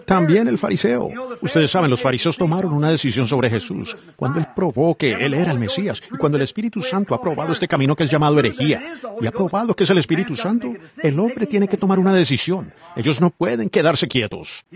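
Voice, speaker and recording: A man delivering a sermon as a simultaneous interpreter, preaching emphatically and often pausing on rhetorical questions. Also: on the high side, vocal fry.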